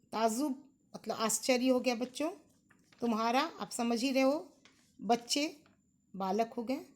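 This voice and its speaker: An Indian woman schoolteacher gives a recorded lesson for primary pupils. She talks slowly in a slightly high voice and says words again and again so the children catch each sound. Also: darkish tone. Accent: Indian English. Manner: slow, patient, repeats and contrasts sounds for children. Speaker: school teacher.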